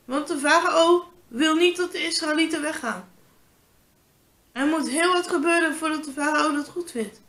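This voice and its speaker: A woman's voice: high-pitched, normal speed, fairly bright tone. Woman reading as a stern, commanding God. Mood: solemn. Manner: firm, instructing.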